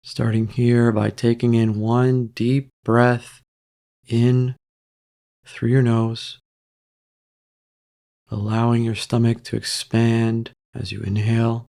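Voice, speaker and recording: A man with a gravelly, mid-range voice guides a meditation calmly and gently. He gives soft, measured instructions separated by long pauses.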